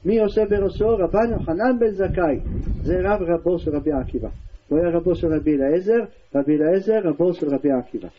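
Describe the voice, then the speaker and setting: A male religious teacher giving a storytelling Torah lesson, his voice pitched high for a man. He narrates with animated retelling. The recording sounds dull and lo-fi, with faint background hiss.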